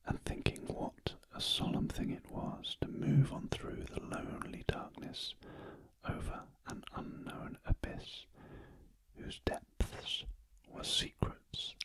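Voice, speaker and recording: Slow, whispering British man reading a story. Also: poor audio. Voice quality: breathy unvoiced whisper. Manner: very gentle, hushed, deliberate. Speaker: audiobook narrator. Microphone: close ear-to-ear stereo microphone.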